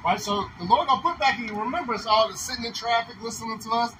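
A man with a very high voice reads scripture slowly and then preaches about it on the street. Clear outdoor noise sits behind his voice. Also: pushed and bright. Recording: noisy outdoor street recording.

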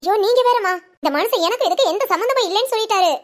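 A woman's voice: very high voice, expressive, very fast, noisy background. A woman voicing a young pregnant married daughter in a cartoon family drama, who pleads earnestly and worries on the phone. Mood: anxious.

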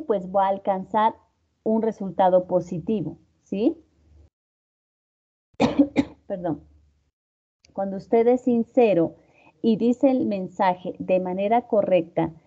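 A woman's voice: medium pitch, dark tone. A woman instructor giving an online class lecture, patiently checking in with her students. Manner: patient, checks in with frequent questions. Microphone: video call. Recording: dull lo-fi video call audio.

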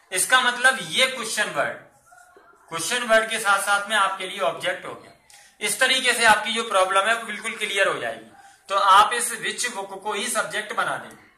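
A man with a high, very bright voice teaches a grammar lesson and walks through each step by asking and answering his own questions. The room around him is echoey. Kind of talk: Hindi-English classroom lesson.

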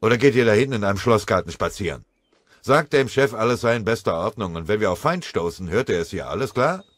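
A gruff, irritated sergeant barks his words loudly from a husky, low throat, as a male audiobook reader puts him on. The audiobook's dry, close sound keeps every snap of temper up front. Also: lively intonation, fast talker, no echo. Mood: angry. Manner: barking, irritated.

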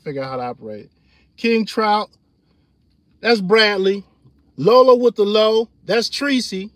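A middle-aged man chatting casually on his livestream, animated and loose, laughing often and reading chat comments aloud. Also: high voice, measured pace, no room sound. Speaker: livestream host.

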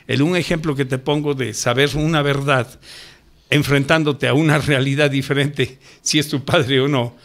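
A man's voice: medium pitch, fairly even intonation, moderate pace, fairly bright tone. An older man, a ufologist guest on a radio interview, lecturing emphatically and pushing his voice up to stress his points. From Ecuador. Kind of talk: radio interview, impassioned explaining.

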